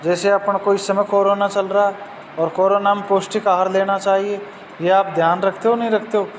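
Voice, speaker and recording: A man teaching a Sanskrit class, slowly repeating words and their meanings and speaking straight to his students. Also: high voice, little pitch movement. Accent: Hindi-speaking Rajasthani. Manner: slow, repeats each word and its meaning, addresses students directly. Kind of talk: recorded class lesson. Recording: reverberant room with faint traffic noise.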